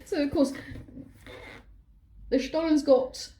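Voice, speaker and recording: A woman co-hosting a casual chat, gentle and explanatory, often speaking softly. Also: high-pitched, steady tone, slow. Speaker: co-host. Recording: roomy.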